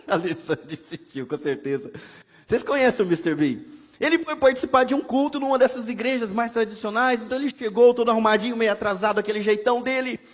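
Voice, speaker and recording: Preaching in a church sanctuary, a male pastor with a Brazilian Portuguese accent uses a very high voice with big pitch swings, speaking a little fast. He keeps things conversational and humorous, firing off rhetorical questions, while the room's long hall reverb echoes around him.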